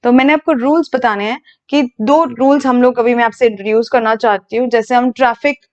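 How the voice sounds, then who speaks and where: A woman's voice: fairly high pitch, steady tone, brisk, muffled recording. A woman from India teaching an English phonetics video lesson, explaining patiently step by step and asking the viewer questions.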